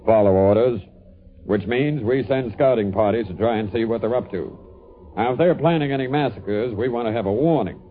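A narrow, phone-like vintage radio recording carries an actor as a stern male army general. He speaks bluntly and with command in a medium-pitched voice, in old radio drama style. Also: moderate pace, lightly acted. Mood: stern, warning. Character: gruff, stern middle-aged army general.

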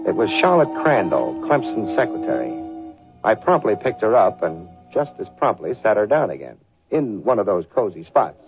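A man's voice: on the low side, big pitch swings, moderate pace, music in the background. An actor playing a tough, sardonic, wisecracking male private detective in slangy 1940s radio drama style. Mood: wry narrating. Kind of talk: 1940s hardboiled radio acting and narration. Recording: dull lo-fi old radio recording.

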